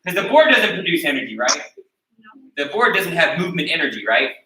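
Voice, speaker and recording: An American taekwondo instructor teaches a martial arts class, explaining each point and checking in with his students with "okay?" after every one. His voice is a little high, sing-song, fairly quick, bright and forceful. The room is echoey and he's recorded from a distance.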